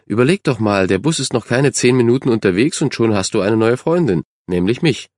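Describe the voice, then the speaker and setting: A man's voice: medium pitch, expressive, a little fast, a little mellow, no echo, clean studio sound, natural voice. A man reading a confident, kind young girl. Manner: self-assured, friendly.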